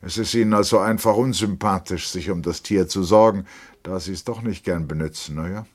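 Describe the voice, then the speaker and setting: A man's voice: low voice, fairly quick, voice pushed up. A man voicing a wealthy aristocratic landowner with an offhand, impatient manner. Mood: dismissive. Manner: offhand, dismissive.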